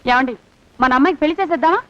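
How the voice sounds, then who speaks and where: A woman's voice: high voice, rapid-fire, a bit bright, no room sound. An actress playing a pushy, coy woman who insists she was his wife in a past life. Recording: dull film soundtrack, faint noise.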